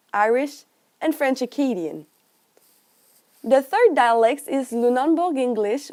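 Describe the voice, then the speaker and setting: Student presenter: a woman with a fairly high, animated voice, reading her script carefully. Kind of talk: reading a prepared class presentation.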